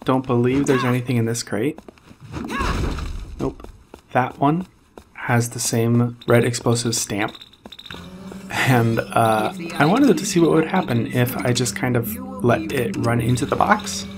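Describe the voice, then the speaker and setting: A man's voice: medium pitch, a little slow, pauses often, background noise. A man casually commenting on his gameplay in an offhand way. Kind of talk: let's play commentary.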